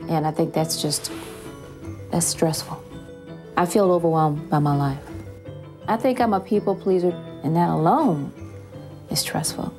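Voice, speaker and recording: A woman's voice: on the low side, vocal fry. A middle-aged woman speaking candidly and informally about herself, as in a personal interview. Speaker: programme participant, working mother. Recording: music under the voice. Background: background music.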